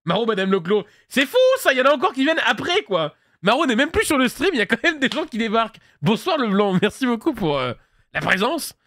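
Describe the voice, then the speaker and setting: A man streaming a video game live, chatting casually with viewers and reacting loudly as he plays, laughing often. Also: extremely high pitch, sing-song, fairly quick, no echo. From France. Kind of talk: casual live gameplay commentary.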